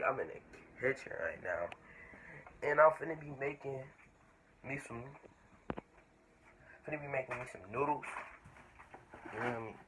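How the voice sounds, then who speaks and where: A young American man chatting casually in slang and repeating himself as he narrates a home cooking vlog. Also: medium pitch. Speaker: vlogger. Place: home kitchen. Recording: noisy home recording with clicks.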